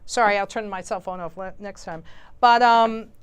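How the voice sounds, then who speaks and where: A woman's voice: mid-range voice, normal speed, soft background music. A woman hosting a call-in talk show, speaking emphatically and insistently and repeating her points.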